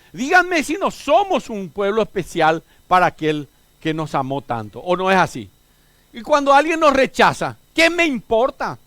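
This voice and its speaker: A middle-aged pastor with a Paraguayan Spanish accent preaches a sermon, moving between emphatic rises and soft, low asides. There is no room sound.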